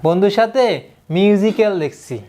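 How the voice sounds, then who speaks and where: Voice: mid-range voice, expressive, normal speed, mellow, faint music behind. A language teacher giving a classroom lesson, patiently explaining and counting stroke order aloud while asking students questions. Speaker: Japanese teacher.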